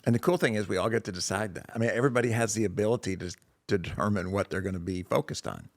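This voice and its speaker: A man's voice: lowish voice, rapid-fire, no room sound. A man with an Arkansas accent hosting an interview podcast in a folksy, encouraging, conversational way. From Arkansas, United States. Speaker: podcast host.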